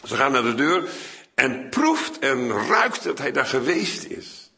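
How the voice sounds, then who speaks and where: An older man preaching a Bible sermon in Dutch, chatty and digressive, now and then jumping up high to act out quotes. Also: very animated, slow, creaky, sharp tone, roomy sound. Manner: conversational, digressive, with sudden high-pitched acted quotes.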